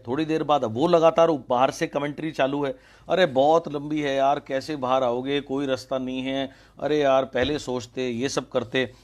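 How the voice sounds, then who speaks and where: A man tells a motivational fable with energy. He acts out the voices of a crowd as he goes and slips English phrases in among his Hindi. His voice sits in a middle pitch. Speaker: motivational speaker. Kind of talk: motivational storytelling talk.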